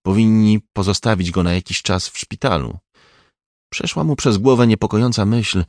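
Low-voiced guy reading an audiobook, steady and measured, dry close sound. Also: creaky, dry recording. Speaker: audiobook narrator. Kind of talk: scripted narration.

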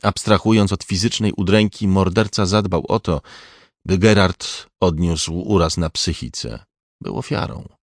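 A man reading an audiobook in a measured, even scripted narration. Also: deep voice, dry recording, clean studio sound.

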